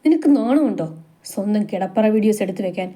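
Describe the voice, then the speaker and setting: A woman's voice: medium pitch, animated, fast talker, warm tone, lightly acted. A woman voicing a protective older sister figure in a storybook tale, raising her voice anxiously. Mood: worried, angry.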